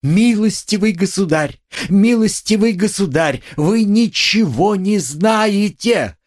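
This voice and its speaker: A man voicing a proud, desperate poor widow woman who talks in a shrill, haughty way and screams. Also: lively intonation, a little slow. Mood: frantic shrieking.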